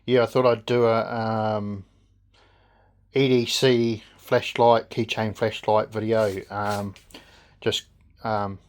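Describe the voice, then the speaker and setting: Male, New Zealand accent, slow and hesitant, unscripted casual reviewer. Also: fairly low pitch, little pitch movement. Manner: halting, hesitant delivery with pauses. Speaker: gadget reviewer.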